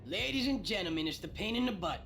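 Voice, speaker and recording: A woman's voice: mid-range voice, expressive, quick pace, a bit bright. A woman voicing a mocking, theatrical mobster punk who drawls taunts as a video game villain. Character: mocking, murdering mobster punk with shark smile.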